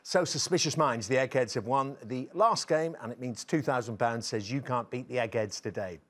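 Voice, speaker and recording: A man's voice: medium pitch, normal speed. A man hosting a television quiz show, reading questions and joking with contestants between laughs. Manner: jokey, laughs between lines. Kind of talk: scripted presenting and friendly banter.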